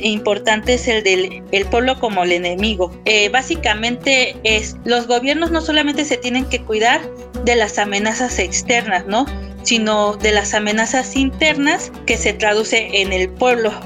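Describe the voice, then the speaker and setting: A woman, speaking as an activist spokesperson and explaining her cause earnestly and steadily. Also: fairly high pitch. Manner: earnest, steady, tags points with a questioning "no". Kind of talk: explanatory interview statement.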